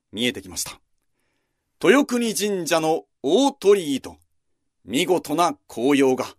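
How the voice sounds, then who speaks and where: A man narrates a historical walking tour in a scripted yet chatty style and adds casual asides along the way. His voice sits a little high and swings widely in pitch. The recording is dry and close. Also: no echo. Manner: lively, conversational storytelling with asides.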